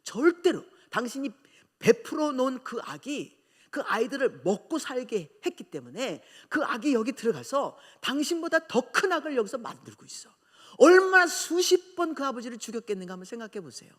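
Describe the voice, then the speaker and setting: A Korean-born woman pastor preaching a revival sermon, telling her family story in an animated way and acting out the quarrels in it. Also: high voice, normal speed. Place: church sanctuary. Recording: long church hall reverb.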